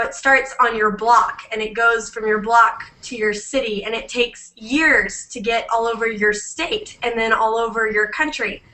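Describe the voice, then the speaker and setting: A woman's voice: a little high, sharp tone, rough recording. A young woman who has a cold, talking enthusiastically on a casual group call as a network marketer. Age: young adult. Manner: enthusiastic, chatty.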